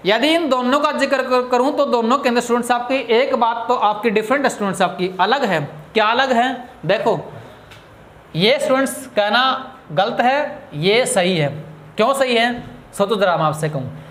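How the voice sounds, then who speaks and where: A man's voice: very high voice, fairly bright tone. Hindi-accented man, classroom grammar teacher, quizzes then answers himself, drags key words, roomy echo. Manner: asks students questions and answers them himself; drawls key words slowly. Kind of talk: classroom lecture. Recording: echoey room.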